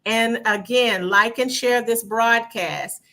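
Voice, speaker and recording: Upbeat woman co-host, bright voice, a little higher-pitched, reads out viewer comments. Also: slow pace. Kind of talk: livestream hosting.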